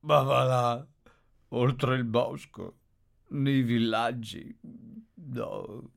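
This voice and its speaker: Gravelly old ogre, man voicing him, slow and mopey, gruff mumbles. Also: mid-range voice, fairly even intonation. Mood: glum. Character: aging male ogre, gloomy, self-pitying, once fearsome.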